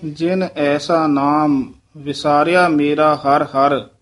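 Male recitation teacher, slightly high voice, slow and deliberate, models phrases and corrects pauses. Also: steady tone, fairly bright tone. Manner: slow, careful modeling of phrasing, then quick explanatory asides.

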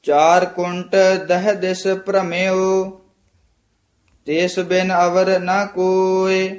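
Very slow, flat, high male reciter. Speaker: student reciter.

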